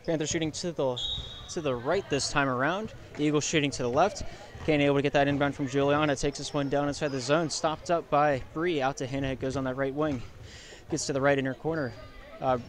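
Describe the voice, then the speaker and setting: A young man calls a basketball game play by play, rattling off passes and shots in quick succession. His voice jumps up loud and excited whenever a basket drops. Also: mid-range voice. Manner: rapid play calling, bursts of loud excitement on scores. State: out of breath. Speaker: play-by-play commentator. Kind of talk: live basketball play-by-play commentary.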